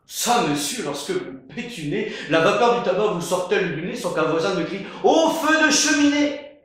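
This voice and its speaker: A man's voice: mid-range voice, a little slow, lightly acted. A man acting a proud, witty swordsman in a theatrical verse monologue, declaiming like a hammy stage actor with grandly shifting tones. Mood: bombastic, aggressive. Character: proud, witty swordsman Cyrano mocking insults about his big nose. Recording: very echoey, roomy sound.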